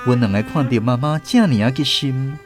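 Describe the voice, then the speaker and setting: This is radio drama storybook narration, read from a script by a Taiwanese-accented man whose tone is expressive and nostalgic. He speaks at a moderate pace in a mid-range voice while music plays behind him.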